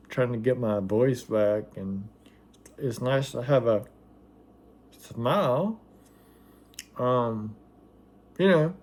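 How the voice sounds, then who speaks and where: A man's voice: on the low side, dark tone. A man vlogging in a casual, rambling, hesitant and folksy way, with slightly slurred, wet articulation from new dentures and a slightly loopy delivery. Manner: hesitant, folksy, self-deprecating. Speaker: vlogger documenting a personal experience. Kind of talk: casual rambling chat to camera.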